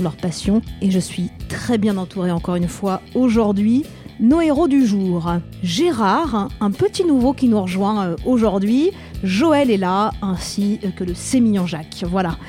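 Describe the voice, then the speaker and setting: A woman's voice: mid-range voice, mellow. A woman hosting a radio chat show. She is upbeat and steers the talk, often laughing along with her guests.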